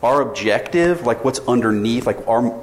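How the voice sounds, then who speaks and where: A man in his forties presents at a conference at a moderate pace, his mid-range voice animated. This sales director is casual, polling the audience and frequently restarting his sentences. He's recorded on a tethered mic in a reverberant session room with faint ambience.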